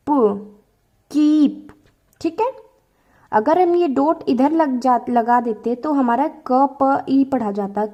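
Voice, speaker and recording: A woman leads a shorthand lesson in a patient, repetitive way and checks often that the class is following. Her voice sits fairly high but sounds soft and mellow. She asks questions and answers them herself as she explains. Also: muffled recording. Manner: patient, repeats and checks understanding with frequent "ठीक है". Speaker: shorthand teacher.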